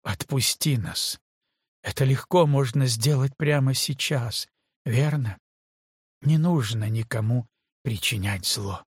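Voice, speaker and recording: A man's voice: mid-range voice, slow, husky, dry recording, clean studio sound. A man voicing a desperate pregnant young woman who pleads and cries out in an audiobook. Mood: pleading. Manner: pleading, breaking into shouts.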